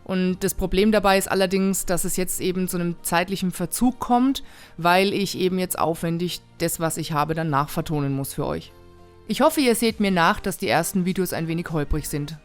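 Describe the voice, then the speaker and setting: A woman from the Nuremberg area in Germany introduces herself as a motorcycle vlogger in a measured, explanatory scripted voice-over, addressing viewers directly. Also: fairly low pitch, soft background music. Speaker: motorcycle vlogger, novice rider.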